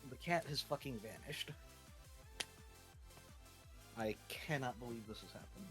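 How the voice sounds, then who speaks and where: A man's voice: mid-range voice, a little slow. A man, a guest on a casual live stream, who teases and swears at his cat as he talks. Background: faint background music.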